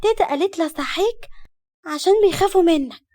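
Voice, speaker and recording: A woman voicing a sweet, curious little girl, speaking with an Egyptian accent in a high, childlike, pleading way. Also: expressive, fast talker, a little mellow, dry recording, clean studio sound. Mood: cheerful. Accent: Egyptian Arabic.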